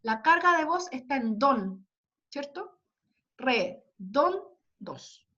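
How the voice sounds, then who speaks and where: A woman's voice: high-pitched, expressive, measured pace, pushed and bright. A woman teacher giving an online class, explaining patiently step by step and often checking that her students follow. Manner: patient, explains step by step and checks understanding with frequent tag questions. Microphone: computer mic on a video call. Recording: dull lo-fi video call audio.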